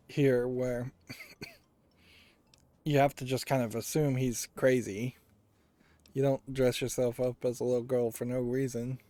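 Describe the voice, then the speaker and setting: A man's voice: mid-range voice, mellow, no room sound. A man giving casual, analytical video game commentary, musing aloud as he plays. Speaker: host of a video game playthrough. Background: game music.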